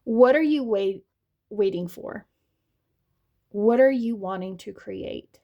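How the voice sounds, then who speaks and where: The audio is dull as a Southern US woman with a light accent gives a chatty tarot reading, speaking slowly in a warm, medium-pitched voice. She speaks straight to her viewers and laughs a lot.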